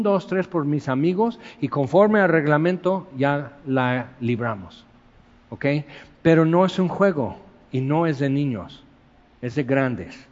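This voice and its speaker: A man preaches in an easy, conversational way, acting out stories with little bursts of sound effects. His voice sits somewhat high for a man. The recording is muffled and carries a long reverb from a large hall. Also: darkish tone. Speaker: pastor. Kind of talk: sermon.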